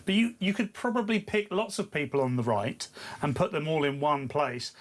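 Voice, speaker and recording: A man co-hosting a talk radio show, measured and steady as he builds his points. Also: on the high side. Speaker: radio co-host. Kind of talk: casual talk radio chat.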